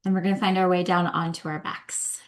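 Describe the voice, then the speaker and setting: Gentle woman guiding a yoga class. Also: lowish voice, level tone. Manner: gentle, soothing, unhurried guidance. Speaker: yin yoga teacher. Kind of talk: guided yoga class instruction.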